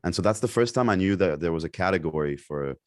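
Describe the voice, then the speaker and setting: Podcast guest: young man from Lebanon, very low voice, loose chatty delivery full of fillers. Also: lively intonation, quick pace, dry recording, clean studio sound. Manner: rambling, many fillers and restarts. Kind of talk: casual interview chat.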